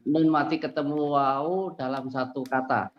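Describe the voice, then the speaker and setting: A man's voice: medium pitch, fairly even intonation, a little slow, in a large hall, lo-fi sound. An adult man studying recitation, answering his teacher hesitantly and thinking aloud. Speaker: adult student.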